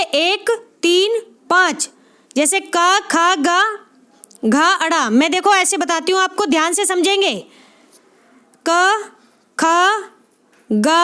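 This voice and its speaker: Very high-voiced woman teaching. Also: a bit bright. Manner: repeats points, checks with "ठीक है". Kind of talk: exam-prep lecture.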